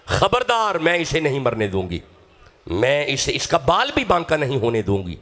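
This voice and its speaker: A man's voice: mid-range voice, huge pitch swings, fairly bright tone. A man voicing a pious queen who defiantly protects a child in a sermon story.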